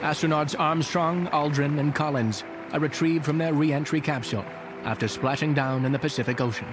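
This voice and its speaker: A man's voice: fairly high pitch, steady tone, moderate pace, over music. A man reading scripted historical narration as a documentary narrator in a voice-over. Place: voice-over recording with music behind.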